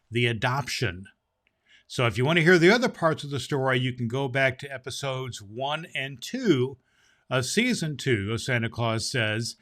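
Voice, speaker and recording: A man playing a kindly old Santa Claus, hosting a children's story show in a halting, explanatory way. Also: medium pitch, fairly bright tone.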